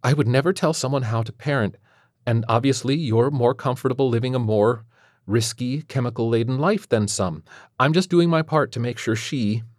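A man puts on a prim female kindergarten teacher in an audiobook, her voice lifted well above his own deep register. She talks down sweetly, preachy and passive-aggressive, recorded close and dry. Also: moderate pace, dry recording, close to an everyday voice. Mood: condescending. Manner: condescending, sugary, preachy. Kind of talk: audiobook character voice.

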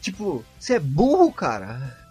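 A man's voice: on the high side, wildly swooping pitch, a little slow, mellow, soft background music. A man with a Brazilian Portuguese accent ranting in a casual podcast chat, swearing freely and acting out quoted lines. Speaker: podcast co-host.

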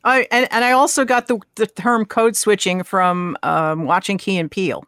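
A woman co-hosting a podcast in a chatty, reassuring way. Her pitch sits in a middle range. The recording is dry, with no room sound. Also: steady tone, normal speed, a bit bright, dry recording. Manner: chatty, reassuring, laughs often. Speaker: podcast co-host. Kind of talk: casual podcast conversation.

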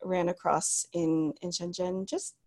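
She is an author in her thirties, a Cantonese native speaker from the United States, sharing her story as an interview guest. Her fairly low voice shows little pitch movement and moves at a measured pace, while her reflective delivery is full of restarts, ums, and quiet laughter.

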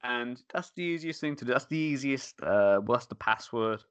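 A man's voice: medium pitch, animated, normal speed, a bit bright, smooth, no room sound, muffled recording. A man co-hosting a casual beer-tasting podcast, talking in a laid-back way and laughing often. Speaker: podcast co-host. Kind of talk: casual chat.

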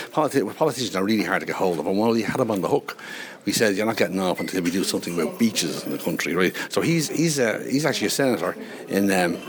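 A man speaks quickly and informally in a fairly low voice, repeating words and checking in with short tag questions. Loud crowd chatter surrounds him. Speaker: congress organiser. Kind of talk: informal interview talk.

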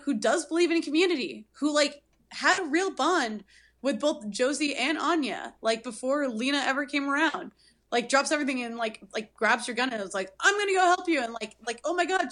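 A woman co-hosting a podcast casually recaps a horror film, rambling along with plenty of fillers in an animated retelling. Her voice sits high and moves at normal speed.

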